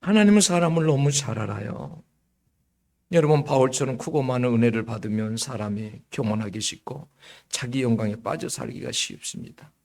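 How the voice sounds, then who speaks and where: A middle-aged man preaching a sermon as pastor, slightly hoarse, telling stories in a lively way and often checking in with the congregation. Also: medium pitch, normal speed. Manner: lively storytelling with frequent rhetorical "응?".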